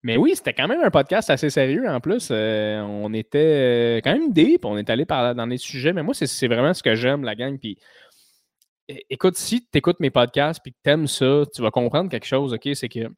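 Casting: Québécois man, podcast host, loose and jokey, swears a lot, medium pitch, dry close mic. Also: moderate pace, no echo. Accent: Québécois French. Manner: joking, animated, swears freely. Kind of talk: casual podcast monologue.

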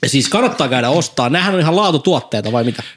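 A man's voice: mid-range voice, animated, a bit bright. A man with a Finnish accent hosting a casual podcast chat, rambling and joking, slipping into broken English now and then. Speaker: podcast host.

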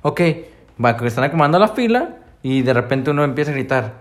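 A man's voice: mid-range voice, fast. A young man with a Mexican Spanish accent, a store worker telling a story in casual conversation with lots of slang. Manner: animated storyteller, acts out quotes in raised voice, slangy. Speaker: store employee.

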